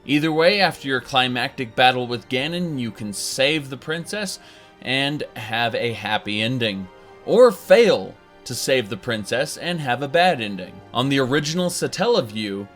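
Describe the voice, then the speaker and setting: A man gives a chatty, enthusiastic casual video review of a retro game in an ordinary medium-pitched voice. Faint music plays softly beneath him.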